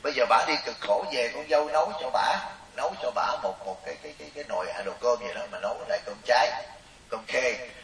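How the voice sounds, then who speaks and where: Fast-talking preacher. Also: male voice, medium pitch, animated, fairly bright tone, slight background noise. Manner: storytelling, chatty, keeps asking the audience questions. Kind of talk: humorous Buddhist sermon to a gathering. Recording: roomy, distant mic.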